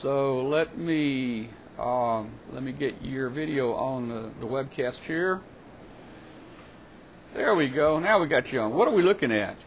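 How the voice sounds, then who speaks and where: A man's voice: mid-range voice, animated. Easygoing male webcast host. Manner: easygoing, many fillers and trailing pauses. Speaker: host of ham radio webcast. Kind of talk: live webcast hosting. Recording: slightly dull webcast audio with faint noise.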